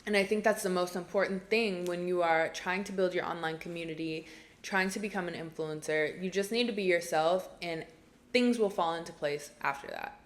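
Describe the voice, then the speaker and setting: A woman's voice: lowish voice, normal speed. A young woman in her twenties, talking to camera alone in a small room, giving earnest, chatty advice and repeating phrases for emphasis. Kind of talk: casual advice vlog to camera.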